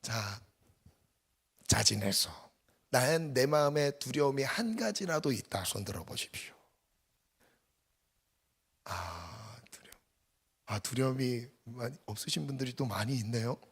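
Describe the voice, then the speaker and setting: A man preaching a sermon as pastor, swinging from loud emphatic bursts to hushed near-whispers. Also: mid-range voice, animated, a little slow, long pauses, husky. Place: church sanctuary.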